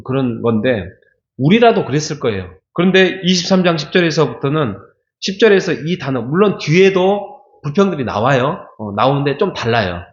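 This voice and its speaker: A man pastor giving a conversational Bible sermon, now and then acting out the voices of people he quotes. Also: mid-range voice. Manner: conversational, acts out quoted complaints. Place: church sanctuary. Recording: roomy, slightly dull church recording.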